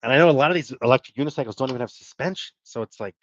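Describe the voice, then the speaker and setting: A middle-aged livestream host talks very fast in a medium-pitched, fairly bright voice, rambling casually through viewer comments with fillers, laughs and self-deprecating asides. The recording is dry and muffled.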